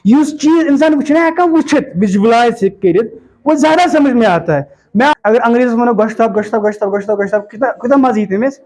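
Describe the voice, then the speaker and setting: A man teaching pronunciation to a class, repeating words slowly in drills and checking whether the students follow. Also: very high voice, lively intonation, a little mellow.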